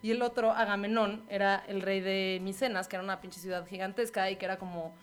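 A woman's voice: mid-range voice, fairly quick, clear, resonant tone. A young woman with a Mexican accent, co-hosting a podcast and retelling a myth in casual, slangy chat. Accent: Mexican Spanish. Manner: slangy, lively storytelling with impressions. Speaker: podcast co-host.

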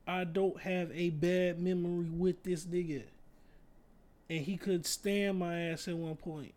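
A man's voice: high voice, little pitch movement, a little slow, darkish tone, slight background noise. A man co-hosting a casual chat, telling laid-back stories full of slang and profanity. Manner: laid-back storyteller, laughs through his punchlines. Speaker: podcast co-host.

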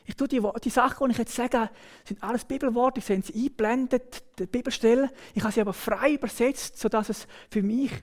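A woman with a Swiss German accent, preaching a sermon emphatically, with exclaimed interjections and hushed, near-whispered phrases. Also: on the high side, fairly quick. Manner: emphatic, with exclaimed "wow" and "hey"; drops to a near whisper at times.

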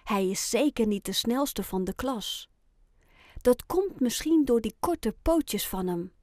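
A woman reads a children's story aloud at an unhurried pace. Her voice sits a little high, and she phrases the story gently and clearly. The recording is dry and close, with no room sound. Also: expressive, no echo. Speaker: audiobook reader.

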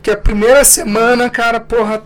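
A man on a podcast giving relaxed, frank advice in casual chat, with offhand swearing. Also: extremely high pitch, fairly quick, background noise. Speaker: podcast co-host.

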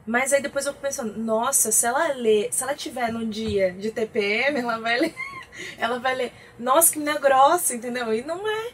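A woman co-hosting a talk show, talking in a lively, chatty way. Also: fairly high pitch, a little fast, slight background noise. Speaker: co-host. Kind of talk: casual talk show chat.

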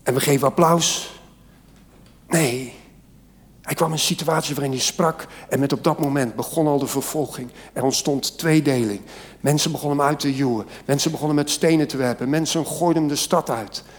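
A man's voice: on the high side, normal speed. Fervent preacher man in a reverberant hall. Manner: fervent preaching with rising emphasis. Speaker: pastor. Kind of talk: sermon. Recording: long church hall reverb.

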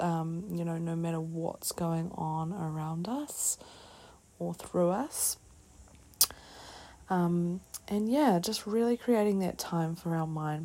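Deep-voiced with vocal fry, this New Zealand-accented woman hosts a solo wellness podcast. She reflects aloud in a thoughtful, halting manner, letting her phrases trail off.

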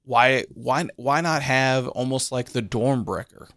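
A man's voice: medium pitch, measured pace, a bit bright, dry recording, clean studio sound. A man co-hosting a casual podcast, musing and thinking aloud. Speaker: podcast co-host. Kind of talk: casual chat.

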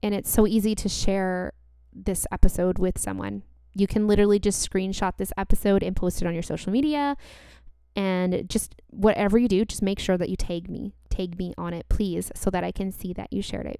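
A woman's voice: medium pitch, moderate pace, creaky, warm tone, clear, resonant tone, no echo, clean studio sound. A woman hosting a self-help show, speaking earnestly and emphatically straight to the listener, repeating key phrases for weight. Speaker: podcast host. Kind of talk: motivational self-help talk, addressing the listener directly.

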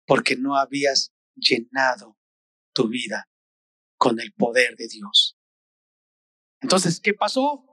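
A man's voice: medium pitch, very animated, takes it slowly, pauses often, pushed and bright, no room sound, studio quality. A man preaching a sermon in an earnest, exhorting way, repeating phrases for weight.

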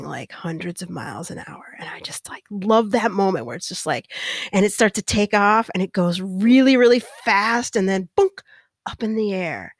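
A young adult woman from California with a chatty, animated manner, stretching words and dipping into whispers. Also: medium pitch, dry recording, studio quality. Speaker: host. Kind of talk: casual monologue.

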